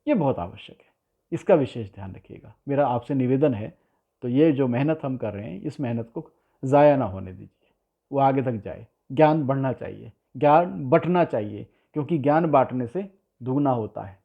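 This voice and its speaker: Man, poetry teacher, patient explaining, lines repeated slowly, tinny phone-like sound. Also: medium pitch, expressive, gravelly. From India. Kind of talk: spoken lesson on ghazal writing.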